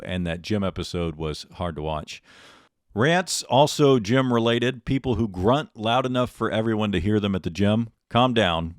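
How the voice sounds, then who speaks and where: A man hosts a comedy show with a wry, sarcastic storytelling manner. His voice sits somewhat low, and the recording is dry, with no room sound. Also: dry recording. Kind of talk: comedic monologue and game hosting.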